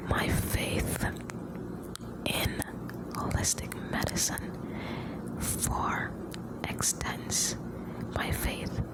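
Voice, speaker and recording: A woman from the Caribbean whispering ASMR right up close to the microphone, rambling gently in short, broken phrases. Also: extremely slow, long pauses, rough recording. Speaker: ASMR host.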